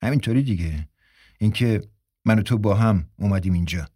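A man's voice: mellow, no echo, clean studio sound, close to an everyday voice. A man voicing brooding young man Dalan. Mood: sullen. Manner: gloomy, low-key. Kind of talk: audiobook dialogue reading.

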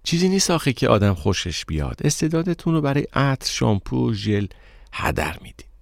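A man's voice: mid-range voice, big pitch swings, gravelly, dry recording, studio quality, pitched above the performer's own voice. A man reading the lines of a polite, guarded young woman narrator in an audiobook, in a plain, slightly hesitant voice. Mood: frank.

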